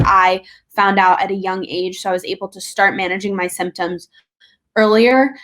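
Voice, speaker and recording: A young woman speaks as a podcast guest, open and reflective. Her voice sits at a middle pitch, and her talk is casual, with an occasional laugh and some loose, frank wording. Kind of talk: candid conversational interview.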